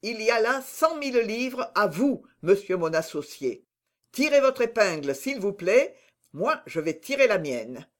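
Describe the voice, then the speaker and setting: A storybook reader voicing D'Artagnan, a bold swordsman who gives brisk, commanding orders. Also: mid-range voice, sing-song. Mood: hearty.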